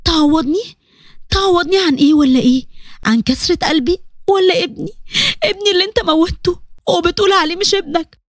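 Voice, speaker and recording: A hurt young wife, voiced by a female storyteller speaks high and quick with an Egyptian Arabic accent. Her voice stays tearful and bitter, in a dry, close storybook read. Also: no echo.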